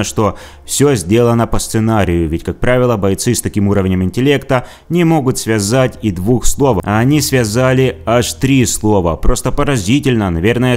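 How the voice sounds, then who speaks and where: A man's voice: lowish voice, a little mellow. A man narrating a scripted commentary video in a sarcastic, mocking tone. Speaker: video blogger.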